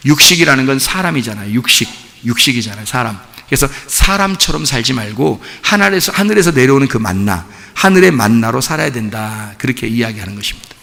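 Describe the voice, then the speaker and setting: A man's voice: medium pitch, lively intonation, fast talker, gravelly, sharp tone, big-room sound. A male pastor giving a conversational sermon, often quizzing the congregation with questions.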